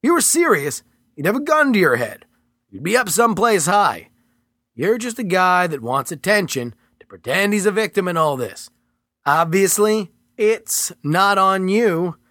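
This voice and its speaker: A man reading the part of a cold male federal agent who talks in a smooth, condescending, taunting way. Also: high voice, big pitch swings, moderate pace, a bit bright, dry recording, studio quality, voice pushed up, full character voice.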